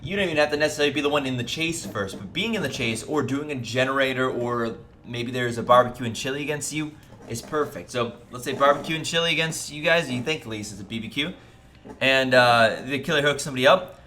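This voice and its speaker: A man's voice: mid-range voice, fast talker, pushed and bright, slight background noise. A man giving casual, chatty gameplay commentary to his video viewers, upbeat and talking straight to them. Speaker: gaming video creator.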